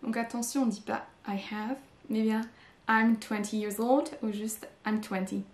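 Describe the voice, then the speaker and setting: A woman who is a guest language teacher, saying words and phrases clearly and deliberately. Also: a little high, fairly even intonation. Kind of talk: short recorded word clips. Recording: roomy recording.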